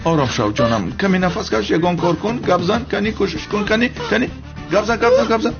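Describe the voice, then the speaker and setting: A gravelly, high, animated male voice plays a flustered character in a dubbed TV show, coaxing and fretting over a fainted girl. The sound is dull and dubbed, and loud music runs underneath.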